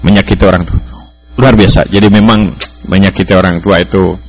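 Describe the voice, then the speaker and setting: Husky-voiced male preacher telling stories. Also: sits low, fairly even intonation, a little fast, faint music behind. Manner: conversational storytelling, husky. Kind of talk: religious lecture.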